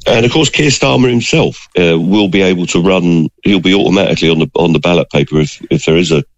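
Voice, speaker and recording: Male interviewee, rapid emphatic delivery, dry sound. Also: low voice, no room sound. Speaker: former union leader. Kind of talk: interview clip.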